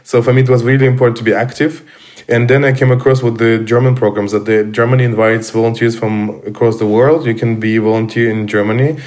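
A man, a guest speaking casually in English, pausing often with fillers and restarts. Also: medium pitch, steady tone, a little mellow. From Armenian, raised in Russia. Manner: halting, many fillers and restarts. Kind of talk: casual conversation.

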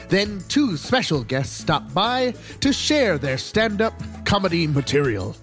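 A man reads a scripted podcast rundown with theatrical swoops, his voice leaping wide and lively. He sits a bit higher than most men. Faint music runs under him. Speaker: podcast intro narrator.

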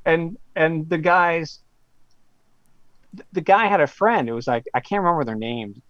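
A man's voice: fairly high pitch, normal speed, a bit bright, no echo. A man, a professor and guest author, casually telling a story in an interview, rambling with many fillers and stammered restarts. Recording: slightly dull lo-fi audio.

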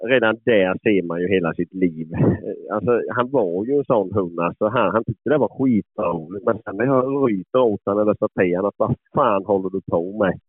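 A man's voice: lowish voice, dry recording. A man, a dog owner and hunter, telling rambling stories in a casual way, swearing often and chuckling as he goes. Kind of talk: casual storytelling. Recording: phone-like lo-fi, dry.

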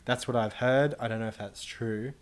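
A man's voice: mid-range voice, fairly even intonation, normal speed. A man speaking as a podcast guest, knowledgeable and matter-of-fact in casual chat.

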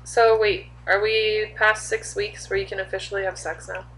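A woman's voice: mid-range voice, level tone, moderate pace, a bit bright, rough recording. A woman in her thirties co-hosting a podcast in casual chat, blunt and teasing, laughing often. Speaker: podcast co-host. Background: people chatting and laughing.

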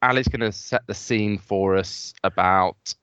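A man with a very low voice opens the meeting and sets out the plan, hedging loosely as he goes. The sound is dry and close, with a dull, lo-fi edge. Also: a little slow, smooth, no echo. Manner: relaxed, hedging with "sort of". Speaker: meeting chair. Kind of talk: podcast discussion introduction.

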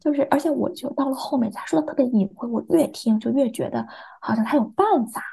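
A woman's voice: high voice, quick pace, creaky, warm tone, husky. A young woman from China, a podcast interview guest, hesitantly recounting a personal experience and acting out remembered dialogue.

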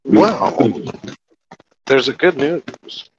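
A man's voice: medium pitch, animated, extremely slow, noisy background. A man co-hosting a gaming podcast, explaining things at length with many hesitant fillers. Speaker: podcast co-host. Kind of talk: casual podcast chat. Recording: dull lo-fi mic.

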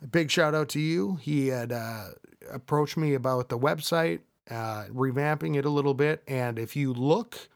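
A man's voice: mid-range voice, no echo. Rambling man hosting a podcast, dry sound. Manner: rambling, many fillers and restarts. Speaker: podcast host. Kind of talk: casual podcast chat.

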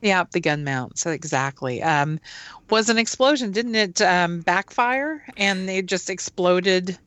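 A woman co-hosting a casual podcast, chatty and halting, with lots of ums and false starts. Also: fairly low pitch, animated, fairly bright tone, no echo. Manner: chatty, laughs often, halting with fillers. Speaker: podcast co-host. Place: Seattle.

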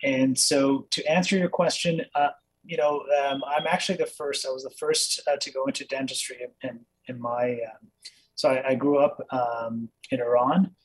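A man's voice: medium pitch, fairly even intonation, normal speed, breathy edge, rough recording. A man who grew up in Kenya, a dentist speaking as an interview guest over a video call, earnest and reflective with many fillers. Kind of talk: casual interview.

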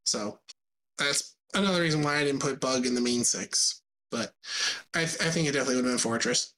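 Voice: medium pitch, fairly quick, fairly bright tone. A podcast co-host in casual chat, joking and often restarting mid-sentence.

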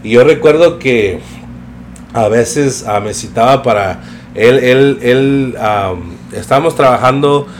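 A young man telling a story in a relaxed, slangy way, mixing in English phrases. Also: medium pitch, slow, a little hiss or hum. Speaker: podcast guest telling his career story. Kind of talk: casual storytelling chat.

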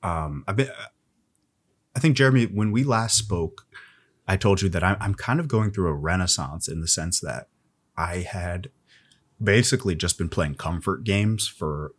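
A man, a comedian guest on a podcast, telling deadpan, self-mocking jokes in casual chat. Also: low-pitched, normal speed, slightly rough.

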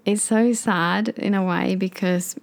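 Gravelly-voiced woman in her twenties. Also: medium pitch, fairly even intonation, measured pace. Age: 20s. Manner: chatty, reflective, laughs often. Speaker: podcast co-host. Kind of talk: casual podcast chat.

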